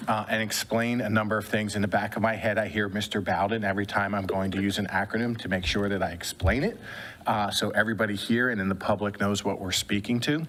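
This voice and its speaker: A man's voice: on the low side, a bit bright, rough recording. A man presenting to a school board in a formal but conversational way, with many "uh" fillers. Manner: measured, with frequent "uh" fillers. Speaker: school district administrator.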